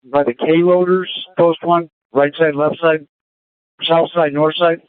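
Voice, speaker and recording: A man working as air command dispatcher, giving calm, procedural instructions over a two-way radio. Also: a little high, a little slow, no room sound. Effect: heard over a two-way radio. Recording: tinny dry radio transmission.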